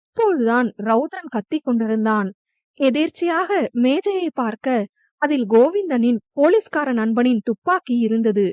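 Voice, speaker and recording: Woman narrator, audiobook reading, high voice, dry close sound. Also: a little mellow, dry recording. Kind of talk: scripted narration.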